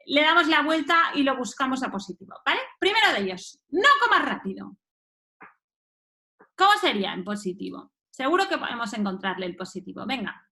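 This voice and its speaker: Brief: female course instructor, high, animated pitch, coaxes the group along. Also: fast. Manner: reads phrases and rephrases them, coaxing participants. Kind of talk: live webinar teaching.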